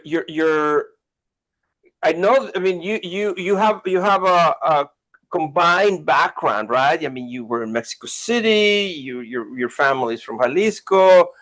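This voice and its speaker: A man hosting a podcast interview, speaking in halting phrases with many restarts and fillers. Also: a little high, fairly bright tone, rough recording. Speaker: podcast host. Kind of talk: interview chat.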